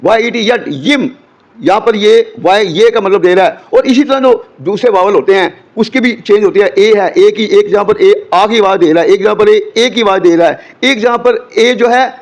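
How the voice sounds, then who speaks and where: Earnest male English tutor, higher voice, patient explainer. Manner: earnest, drills English examples slowly and clearly. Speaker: English teacher.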